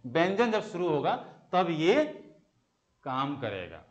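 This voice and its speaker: A man's voice: a little high, wildly swooping pitch, slow pace. A young man teaching an exam-prep Hindi grammar lesson. He asks the class questions, answers them himself and repeats the key terms.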